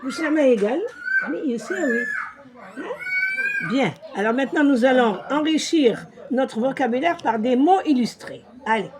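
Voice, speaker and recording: A woman teaching a child to read, patient, slow and repeating words. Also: sits high, sing-song, noisy background. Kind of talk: patient reading lesson for a child.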